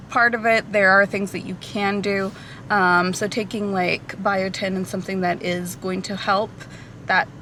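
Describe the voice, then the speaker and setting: A Portuguese hairstylist in her thirties films a casual Q&A vlog on a camera mic, out at a café or in a car. Her medium-pitched voice is fairly bright, and she chats loosely, with many ums and likes and light laughs. Slight background noise is present.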